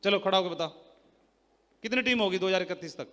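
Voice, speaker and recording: Loud, bright-voiced man in an echoing hall. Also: sits high, fast talker. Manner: loud, teasing, quizzes the crowd. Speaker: seminar speaker. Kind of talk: motivational sales talk to a live audience. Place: large hall with an audience. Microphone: handheld mic.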